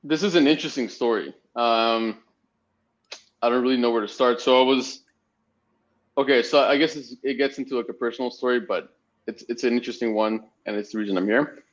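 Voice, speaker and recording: A man's voice: medium pitch, fairly even intonation, fairly quick. Man, 20s, from Spain, rambling casual talk, muffled lo-fi audio. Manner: rambling storytelling with frequent fillers. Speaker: guest. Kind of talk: casual podcast interview. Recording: slightly dull lo-fi audio.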